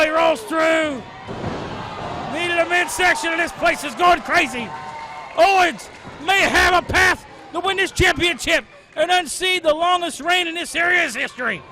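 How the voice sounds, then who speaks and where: A man's voice: very high-pitched, measured pace, sharp tone. A man working as a wrestling commentator, calling the action in dramatic exclamations and rhetorical questions. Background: crowd at a wrestling event.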